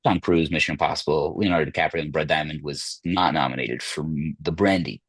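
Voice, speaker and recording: Very deep husky man chatting. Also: steady tone, brisk, dry recording. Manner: rambling, hesitant, full of fillers. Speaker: podcast host. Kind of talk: casual chat about film awards.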